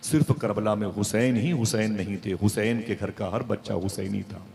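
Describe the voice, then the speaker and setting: A man's voice: on the low side, moderate pace, vocal fry, darkish tone. A man preaching an impassioned sermon to a seated gathering, talking straight to the listeners and swelling into declamation. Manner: addresses the audience directly, swells into declamation.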